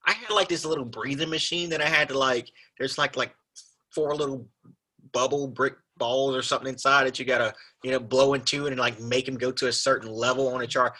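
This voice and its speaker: A young man with a raspy voice, telling his story as a podcast guest in a laid-back, rambling way. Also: mid-range voice, steady tone, brisk, pushed and bright. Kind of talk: casual conversation.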